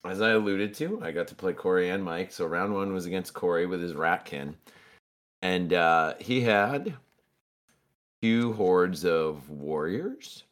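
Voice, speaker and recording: A man's voice: low voice, animated, measured pace. A man on a podcast, methodically recapping his tabletop games in detail. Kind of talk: casual chat.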